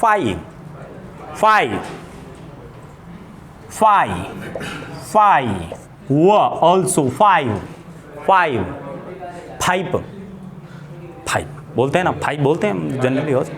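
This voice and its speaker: A man teaching spoken English, slowly repeating words and mixing Hindi with English. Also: on the high side, big pitch swings, fairly bright tone.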